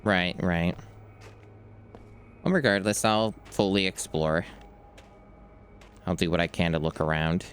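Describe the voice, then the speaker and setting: Man, streamer, casual gameplay chat, easygoing, very deep voice, faint background hiss. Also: unhurried, long pauses. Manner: relaxed, easygoing. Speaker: streamer playing a game.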